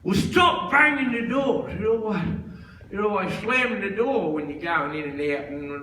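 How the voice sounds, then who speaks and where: A comic putting on a grumpy old neighbour. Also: male voice, high-pitched, lively intonation, moderate pace, sharp tone. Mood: complaining. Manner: complaining, easily offended. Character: grumpy, touchy old male neighbour, about eighty. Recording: echoey theatre, distant mic, crowd noise.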